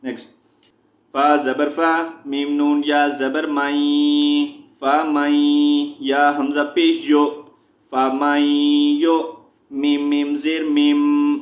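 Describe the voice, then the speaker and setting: A man teaching recitation, naming each letter and vowel sign before drawing the syllables out into a slow recitation. His voice sits fairly high and stays flat in tone. The recording is dull and echoey, as if made in a bare room. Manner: spells each letter and vowel, then blends and recites slowly; quick asides explaining pause rules. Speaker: Quran teacher. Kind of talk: slow spelled-out recitation lesson.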